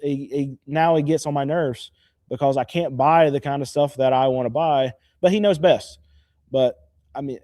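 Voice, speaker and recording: A man's voice: fairly high pitch, dark tone, no room sound, studio quality. A man who runs a used car lot, chatting casually and grumbling in a mock-sad way, with lots of restarts. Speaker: used car dealer and channel host. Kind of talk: casual chat to camera.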